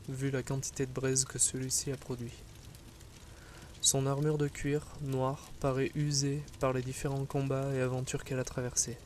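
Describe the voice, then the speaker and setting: A man narrates a fantasy adventure in a measured, solemn way. His medium-pitched voice stays very even throughout. Faint ambient noise runs behind him. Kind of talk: scripted second-person fantasy narration.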